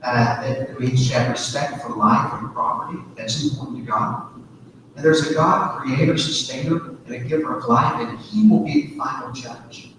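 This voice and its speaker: A man's voice: mid-range voice, a little hiss or hum. A man teaching a sermon to a men's group, storytelling in a conversational way with frequent fillers. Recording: echoey hall, distant mic.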